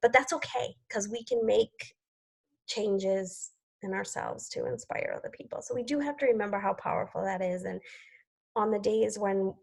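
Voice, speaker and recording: A woman's voice: mid-range voice, steady tone, moderate pace, gravelly, low-quality recording. A woman in her forties leading a group video call, talking casually with lots of "like" and "you know" and laughing often. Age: 40s. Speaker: team leader hosting a group video call. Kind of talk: casual motivational chat.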